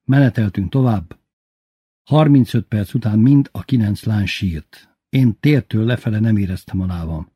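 A man reading a first-person story aloud in a lively, wry way. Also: on the low side, slightly rough, dry recording, studio quality.

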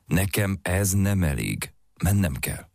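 A man's voice: very deep voice, very animated, creaky, no room sound, clean studio sound, exaggerated voice. A man voicing a terse, resolute chief doctor. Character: determined male chief doctor.

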